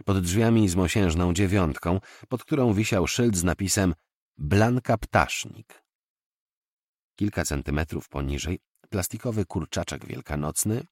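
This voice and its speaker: A man narrating a novel in an expressive, measured storytelling manner. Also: low-pitched, dry recording, clean studio sound. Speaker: audiobook narrator. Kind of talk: novel reading.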